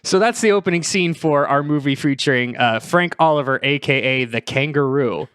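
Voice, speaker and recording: A man's voice: on the high side, normal speed, fairly bright tone, clean tone, no echo. A man co-hosting a casual comedic podcast, reading from his notes and laughing often as he talks. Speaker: podcast co-host.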